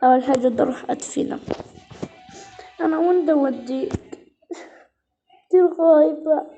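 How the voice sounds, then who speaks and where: A woman's voice: high voice, a little fast, warm tone, soft background music. A woman telling a story in the first person, voicing its heroine in a frantic, panicky way.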